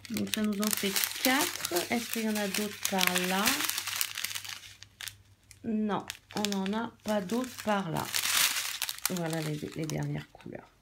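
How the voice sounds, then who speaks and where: Chatty woman over loud crinkling noise. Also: medium pitch, slow pace, creaky, long pauses. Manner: chatty, rambling with many fillers. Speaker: hobby vlogger. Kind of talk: casual unboxing chat. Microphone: phone camera.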